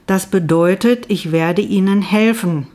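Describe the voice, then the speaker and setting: A woman voicing a calm, probing male psychologist in a novel reading, asking questions matter-of-factly. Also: mid-range voice, measured pace, natural voice.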